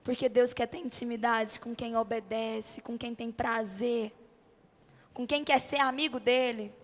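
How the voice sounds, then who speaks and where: An unhurried, steady, fairly high voice carries this Brazilian woman's impassioned sermon to a congregation at a church event. She presses her points with rhetorical questions and short repeated phrases, amplified in a reverberant hall.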